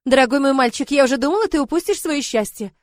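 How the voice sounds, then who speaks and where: A woman's voice: a little high, expressive, a little fast, a little mellow, no room sound, clean studio sound, lightly acted. Woman doing a sly, teasing fairy godmother. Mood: delighted.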